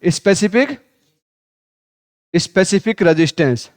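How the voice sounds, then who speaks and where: A male physics teacher running a Hindi class lecture, quizzing students with repeated questions, calling them 'beta', and reading textbook lines slowly. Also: high voice, lively intonation, a little mellow, dry recording, studio quality. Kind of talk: classroom lecture with call-and-response drills.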